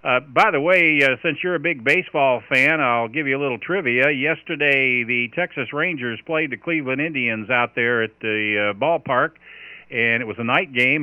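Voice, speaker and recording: A man's voice: mid-range voice, bright, forceful tone, smooth, no echo. A man running an amateur radio net in marine radio style, chatting with procedural call signs over a two-way radio. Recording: dull, band-limited radio audio.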